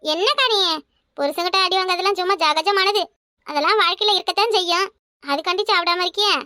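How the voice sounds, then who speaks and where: A woman's voice: very high voice, quick pace, sharp tone, no room sound, clean studio sound. A woman voicing a soothing, placating young village woman in a cartoon, speaking with a Kanyakumari Tamil accent. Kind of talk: cartoon voice acting.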